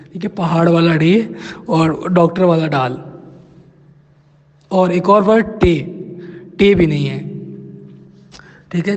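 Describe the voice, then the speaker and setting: A man teaching a language lesson from a textbook, explaining patiently and repeating example phrases slowly. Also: high voice, darkish tone, big-room sound, highs cut off.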